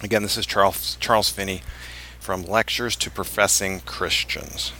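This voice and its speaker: A man hosting a religious podcast, reading scripted material and quotations in a measured, emphatic way and moderating a panel. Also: low voice, steady tone, pushed and bright, a little hiss or hum, low-quality recording. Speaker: podcast host, church elder.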